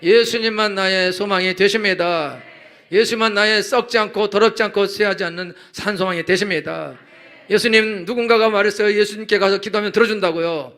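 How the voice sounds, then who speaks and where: High, gravelly-voiced preaching man. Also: a little fast, pushed and bright. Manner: emphatic preaching with repeated hallelujahs and voiced prayers. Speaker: pastor. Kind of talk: Easter sermon. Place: church sanctuary.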